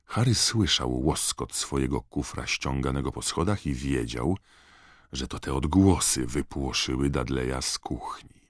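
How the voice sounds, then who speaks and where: Very deep, slow, expressive male narrator. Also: no room sound, clean studio sound. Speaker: audiobook narrator. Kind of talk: scripted narration.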